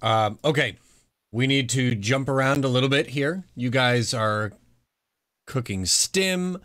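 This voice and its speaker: A man's voice: mid-range voice, fairly even intonation, measured pace, fairly bright tone, dry recording. Laid-back male game master. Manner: laid-back, joking, laughs often. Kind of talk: narrating a tabletop game.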